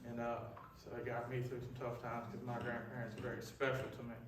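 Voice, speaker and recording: Male youth speaker, folksy and halting, telling things informally; very reverberant room, distant mic. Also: medium pitch, completely flat delivery. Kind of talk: informal youth talk, storytelling. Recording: echoey room, far mic, faint noise.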